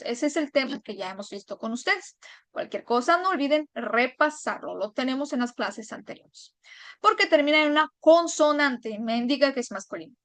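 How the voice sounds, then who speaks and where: A woman's voice: high-pitched, fairly bright tone, no echo. A woman teaching a language lesson online, explaining patiently step by step and checking in her viewers.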